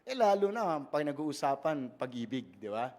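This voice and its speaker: High-voiced Filipino pastor preaching. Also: male voice, big pitch swings, moderate pace, a little mellow. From Philippines. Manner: playful, joking, often asks the congregation "di ba?". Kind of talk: conversational sermon mixing Tagalog and English.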